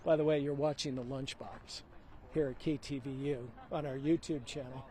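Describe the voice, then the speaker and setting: A TV news anchor with a dark, steady, medium-pitched voice and moderate pace conducts live street interviews outdoors in a city park. He chats easily with passers-by, trading jokey banter with strangers.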